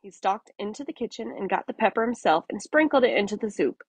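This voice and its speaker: A woman reading a children's story aloud in an expressive narrating style. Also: mid-range voice, quick pace, breathy edge, dry recording. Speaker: storybook reader.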